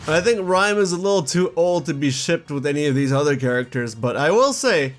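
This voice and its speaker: A man chatting casually in his own commentary video, quick asides and laughing at his own jokes. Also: on the high side, expressive, faint music behind. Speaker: YouTube gaming commentator.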